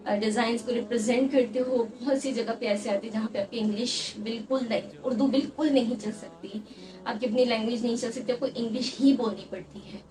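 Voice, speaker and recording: A woman's voice: on the high side, steady tone, recorded from a distance, rough recording. A young woman, a fashion design student, giving earnest advice in a casual vlog, mixing English words into her talk.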